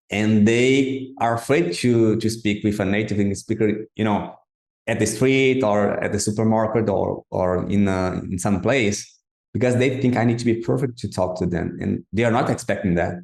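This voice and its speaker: A man's voice: on the low side, normal speed, creaky, darkish tone. Brazilian-accented man, hesitant, roomy sound. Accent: Brazilian Portuguese. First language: Portuguese. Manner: hesitant, repeats words while searching for phrasing. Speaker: podcast host. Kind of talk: casual interview. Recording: roomy echo.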